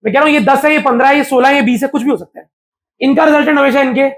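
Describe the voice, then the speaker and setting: In a very high, fairly bright voice, a man races through a live physics lesson. He chats casually with his students and quizzes them again and again.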